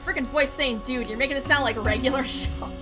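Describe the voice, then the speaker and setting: A woman's voice: high voice, fast, music in the background. A woman streamer chatting casually and reading game dialogue aloud, rambling and full of fillers.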